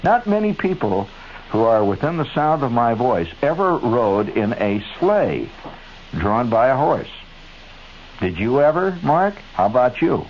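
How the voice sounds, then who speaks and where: A middle-aged American radio host, heard through a hissy, lo-fi 1970s AM broadcast, delivers a rambling late-night monologue. His medium-pitched voice swings widely, his pace is measured, and his wry, digressive talk is sprinkled with asides to the studio crew.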